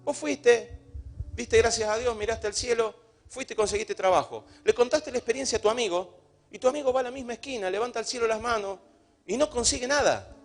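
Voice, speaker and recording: A pastor with an Argentine accent, preaching a sermon emphatically with rhetorical questions and humorous stories. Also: male voice, very high-pitched, fairly quick. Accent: Argentine Spanish.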